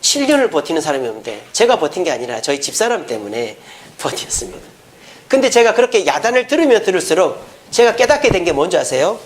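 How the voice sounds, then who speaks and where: A middle-aged man and senior pastor preaching a sermon, animated and putting rhetorical questions to his congregation. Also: high-pitched, quick pace, a little hiss or hum.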